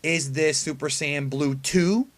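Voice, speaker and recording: Higher-pitched man doing emphatic anime fan commentary. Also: takes it slowly. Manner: conversational, emphatic, asks rhetorical questions. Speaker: anime review video host. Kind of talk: casual fan commentary breaking down an episode preview.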